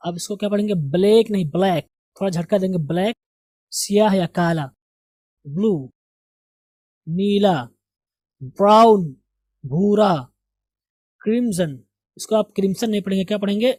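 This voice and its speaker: A man teaching English vocabulary, repeating each word slowly and correcting pronunciation. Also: sits high, darkish tone, no echo. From India. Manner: slow, drills each word several times.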